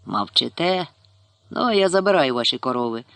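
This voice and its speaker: A drunk, violent farm chairman bellows coarse threats from horseback, his voice pushed high and rough, as a man reads him. The sound is gravelly and dry, with no room echo. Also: big pitch swings, moderate pace, fairly bright tone, exaggerated voice. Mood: furious.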